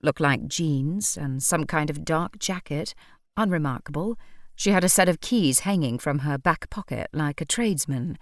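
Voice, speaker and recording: A woman voicing a calm, dryly ironic male vampire in an audiobook. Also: deep voice, normal speed, dry recording. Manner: deadpan, dry irony.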